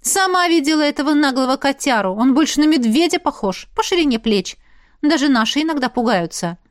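A woman voicing a lively, pampered young female friend who talks in emphatic exclamations. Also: high voice, dry recording, clean studio sound, voice pushed up. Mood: teasing. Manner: bubbly, emphatic, quick to exclaim.

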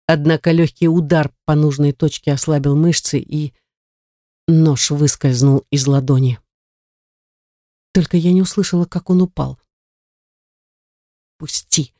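Audiobook narrator, mellow dark voice, close dry recording, steady storytelling. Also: mid-range voice, normal speed, no echo. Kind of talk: scripted first-person narration.

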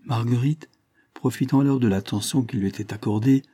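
Dark husky male audiobook narrator. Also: medium pitch. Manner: measured, formal reading. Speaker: audiobook reader. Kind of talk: scripted narration.

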